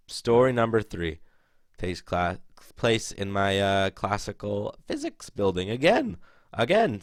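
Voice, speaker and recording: A man's voice: on the low side, no echo, clean studio sound. A young man telling a story to camera in a rambling, profane, casual way, full of "like" fillers. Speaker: vlogger.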